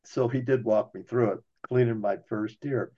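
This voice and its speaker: A man's voice: medium pitch, steady tone, moderate pace, dull audio. A man casually telling a personal story in a folksy way, talking straight to his listeners.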